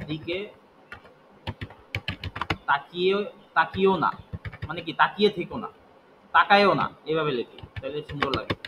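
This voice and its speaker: A man's voice: sits high, bright, forceful tone, slight background noise, poor audio. A man teaching English grammar, explaining step by step and asking and answering his own questions. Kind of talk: spoken grammar lesson.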